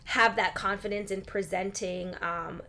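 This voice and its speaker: A woman who is an actress and film industry buyer speaks casually as an interview guest, using lots of "like" and "you know" and acting out bits of dialogue. Her medium-pitched voice is steady, sharp in tone, and measured in pace.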